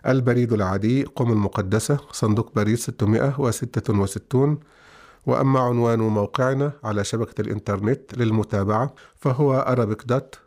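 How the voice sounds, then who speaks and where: Guy hosting a radio show in formal standard arabic, medium pitch. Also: fast talker, darkish tone. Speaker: radio host.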